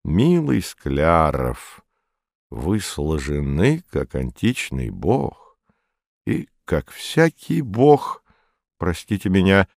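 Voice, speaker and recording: A man voicing an old male physicist who speaks slowly, softly and apologetically in an audiobook. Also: sits low, dry recording, studio quality, exaggerated voice.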